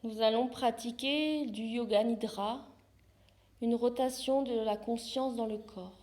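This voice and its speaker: Leading a guided yoga nidra relaxation, a yoga therapist with a slightly high voice talks very slowly and calmly. Her instructions are short and soothing, with space left after each one.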